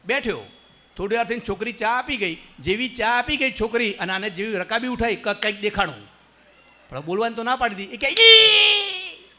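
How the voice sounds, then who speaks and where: A man's voice: sits high, fast, sharp tone. A man performing stand-up comedy, telling jokes with exaggerated stammering impressions. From Gujarat. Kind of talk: Gujarati comic storytelling.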